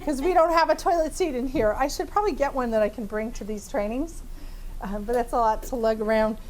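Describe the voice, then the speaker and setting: This is a woman therapist with a big voice demonstrating live training to a small audience in a room, lively and talkative, frequently laughing and full of fillers. Her pitch is fairly high and her pace brisk, and the low-quality recording has slight background noise.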